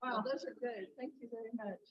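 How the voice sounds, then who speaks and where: A woman chairing a club meeting, making brisk, welcoming announcements. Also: a little high, muffled recording, a little hiss or hum. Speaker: club president.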